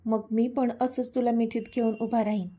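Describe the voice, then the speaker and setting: A woman's voice: on the high side, little pitch movement, moderate pace, mellow, husky. A woman voicing a stubborn young man who teases and insists, in a storybook reading. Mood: teasing insistent. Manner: teasing, insistent.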